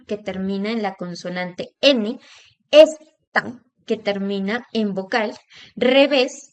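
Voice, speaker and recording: A woman teacher giving a recorded lesson, drawing out example words slowly to show where the stress falls. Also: mid-range voice. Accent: Latin American Spanish.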